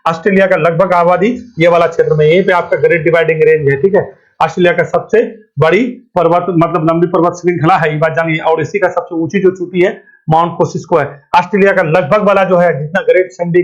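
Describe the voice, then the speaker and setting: A man runs an exam-prep lesson. He fires off questions and answers them himself, dropping "thik hai" again and again. The recording is dull and lo-fi. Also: high voice. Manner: colloquial, keeps asking and answering his own questions with "thik hai". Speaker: current affairs teacher. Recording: dull lo-fi sound.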